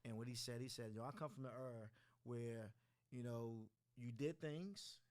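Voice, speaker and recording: 40s guy hosting a chat, easygoing, lots of right right. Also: medium pitch. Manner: relaxed, quick affirmations. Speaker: host. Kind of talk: casual interview.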